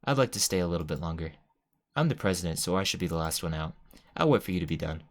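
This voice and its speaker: Man reading a gentle game club president: soft, low. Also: animated, fast. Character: calm teenage girl club president.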